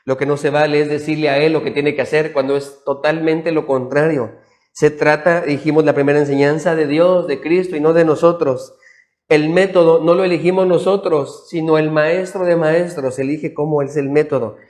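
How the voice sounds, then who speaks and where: A man, a pastor preaching a sermon with emphatic storytelling that drops to quiet, soft tones. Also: on the high side, fairly even intonation, moderate pace. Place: church, streamed live.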